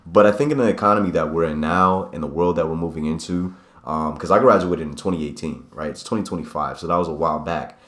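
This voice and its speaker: A man in his late twenties with a very low voice, chatting casually to camera. He rambles and corrects himself as he reflects out loud, in a room with a noticeable echo. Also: fast talker. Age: 20s. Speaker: vlogger. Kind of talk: casual talking-head vlog. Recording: echoey room.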